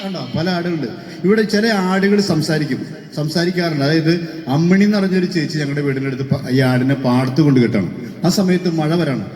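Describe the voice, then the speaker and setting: A man hosting a mimicry act on stage, teasing the audience with quick questions. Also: fairly high pitch, darkish tone. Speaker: stage mimicry artist and host. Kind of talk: lively stage chat with the audience. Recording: echoey hall with faint music.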